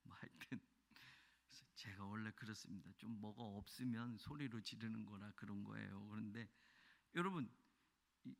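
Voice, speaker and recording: A male pastor preaching a sermon. He swings from shouting fervor to quiet, chatty asides. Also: on the low side, moderate pace, vocal fry, long pauses. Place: church sanctuary. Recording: long reverb of a church hall.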